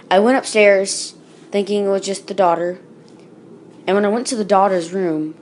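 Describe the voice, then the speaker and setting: A woman tells a spooky internet story in a loose, unscripted manner, with fillers and small restarts. Her voice sits in an ordinary middle pitch. A faint hiss runs under the recording. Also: darkish tone. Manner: casual, with fillers and self-corrections. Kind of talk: casual spoken creepypasta reading.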